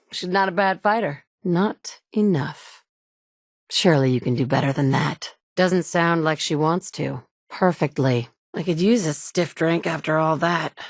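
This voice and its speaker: An actress with a low, slightly slow voice plays a confident, wry adult woman who has survived the wasteland, the player character in a video game. She delivers blunt, self-assured lines, recorded dry with clean studio sound.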